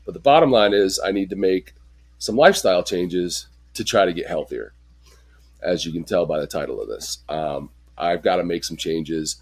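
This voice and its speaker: A man's voice: low-pitched, animated, normal speed. A man in his forties with a congested, chest-cold voice, speaking earnestly and candidly in a personal confessional vlog. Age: 40s. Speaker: vlogger.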